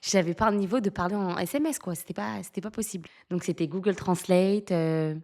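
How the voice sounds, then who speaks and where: A woman's voice: medium pitch, fairly quick. Chatty French woman telling stories. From France. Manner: animated, laughs often, many fillers. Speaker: podcast guest. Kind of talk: casual storytelling interview.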